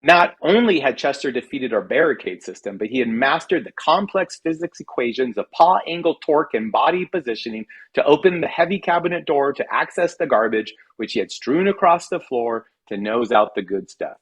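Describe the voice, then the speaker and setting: This Californian writer, an American man, delivers his humorous essay in a wry, mock-dramatic way. He speaks briskly at medium pitch with hardly any pauses, his husky voice staying expressive throughout.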